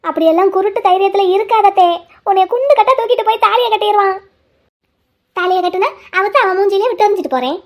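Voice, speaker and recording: Frightened old granny in a cartoon, shrill and very high, scolds and laments. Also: female voice, fast talker. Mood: fearful. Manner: wailing, pleading and scolding. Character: worried elderly grandmother, fretful and scolding. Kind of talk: cartoon voice acting.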